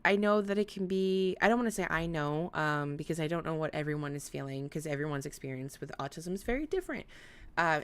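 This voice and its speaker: Woman with soft, W-like R sounds, lowish voice. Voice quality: speech impediment, weak R sounds like W. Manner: excitable, giggly, rambling. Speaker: livestream host. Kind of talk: casual live chat with viewers.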